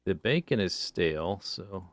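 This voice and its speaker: A man with a lowish voice mutters his way through a game, half talking to himself and half to viewers. He drifts between thoughts with a relaxed, unhurried ramble. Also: no echo. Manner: muttering to himself, musing aloud. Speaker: streamer. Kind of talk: casual gameplay commentary.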